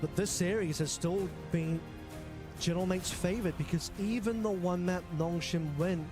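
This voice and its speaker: A man's voice: high-pitched, measured pace, music in the background. A man giving live esports commentary as a match caster.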